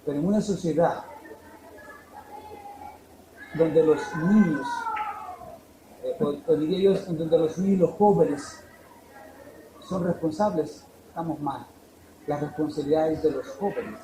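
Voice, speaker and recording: A man preaching a fervent sermon, swinging from emphatic peaks down to low, quiet lines. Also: normal speed. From El Salvador. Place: church hall. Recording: echoey church room, faint noise.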